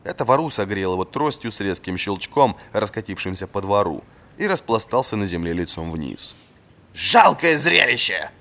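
A man narrating a fantasy audiobook in a lively, expressive scripted reading. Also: sits low, fairly quick.

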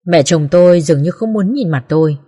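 A woman narrating a first-person family drama in a soft, melancholy way. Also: fairly low pitch, brisk, breathy edge, in a large hall. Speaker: audiobook narrator.

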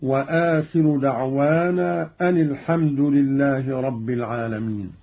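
Man, radio lesson, slow measured delivery, chanted quotes, husky, muffled archive sound. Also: medium pitch, steady tone. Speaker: radio presenter teaching Quran readings.

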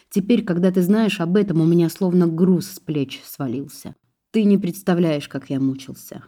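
A woman reading the part of a young man, a car thief in love, speaking softly and apologetically. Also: lowish voice, natural voice.

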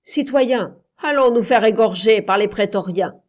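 A woman reading aloud, voicing a defiant, scornful male citizen who speaks out loudly. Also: medium pitch, unhurried, close to an everyday voice.

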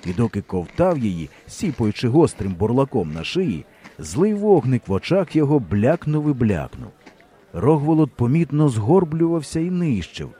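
A man narrating a historical novel as an audiobook in an expressive, measured storytelling manner. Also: medium pitch, husky.

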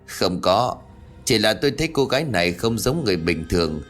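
A man voicing a calm older spirit master who gives slow, grave advice in a ghost story. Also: fairly low pitch, soft background music.

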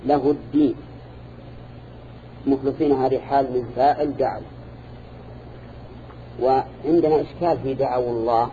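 A man teaching a classroom lecture, speaking in a measured way and quizzing his students with short questions as he goes. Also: mid-range voice, a little hiss or hum. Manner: measured, quizzes listeners with repeated "ha?" and "na'am". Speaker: teacher of Quran interpretation. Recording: dull lo-fi recording.

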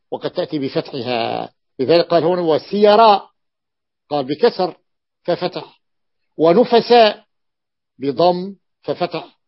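A man teaches a class, repeating word patterns and stopping often to ask the students whether they follow. His voice is gravelly and sits slightly high. The recording is muffled and lo-fi. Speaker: teacher explaining Arabic morphology. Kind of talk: classroom lesson.

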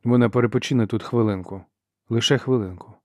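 A man reading a novel aloud as an audiobook narrator, in steady, measured storytelling. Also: medium pitch, no echo, studio quality. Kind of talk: scripted narration.

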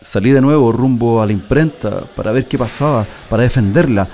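A Chilean man narrates a first-person radio drama as a former printing worker and resistance militant, giving reflective testimony about his life. His mid-range voice is mellow and fairly quick, close to everyday speech, with slight background noise.

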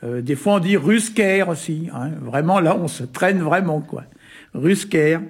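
A man from Brittany explaining word meanings in a relaxed, hesitant way, full of little fillers and chuckles. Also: on the high side, measured pace, slightly rough. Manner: hesitant, many "euh" and "hein" fillers, chuckles often. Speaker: Breton language expert on a radio show. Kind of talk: casual explanatory chat.

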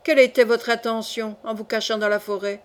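A woman's voice: on the high side, steady tone, brisk, natural voice. A woman reading the part of a cold, stern male judge giving curt commands.

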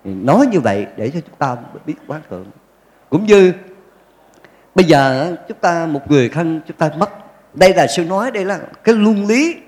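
A man's voice: on the high side, very animated, moderate pace, darkish tone. A male Buddhist monk giving a folksy dharma talk, telling stories with jokes and acted quotes. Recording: long hall reverb.

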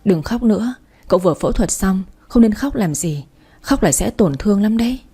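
A woman's voice: medium pitch, animated, a little fast, mellow, slightly rough. A woman voicing a caring, fiercely protective young female friend in an audiobook. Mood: soothing. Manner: soothing, then indignant. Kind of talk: audiobook reading.

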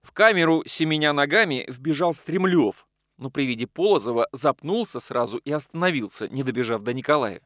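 A man narrating a novel aloud in an expressive, dramatic reading style. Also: a little high, a little fast, no echo, clean studio sound. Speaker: audiobook reader.

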